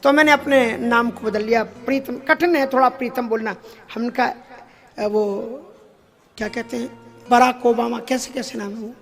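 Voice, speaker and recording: A man with a notably high-pitched voice preaches a devotional sermon. He explains spiritual ideas through everyday anecdotes, chuckles along the way, and sometimes slips into English phrases. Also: fairly even intonation, normal speed, creaky, fairly bright tone, faint music behind.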